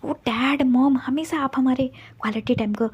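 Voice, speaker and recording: A woman's voice: high voice, moderate pace, breathy edge, muffled recording. A woman voicing a possessive young male alpha husband who talks eagerly and pleads. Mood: grumbling.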